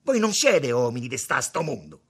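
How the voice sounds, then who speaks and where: A man voicing an angry young man from the Roman slums, with a Roman accent and a coarse, shouting delivery. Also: on the high side, big pitch swings, fast talker, breathy edge, voice pushed up. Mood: scornful.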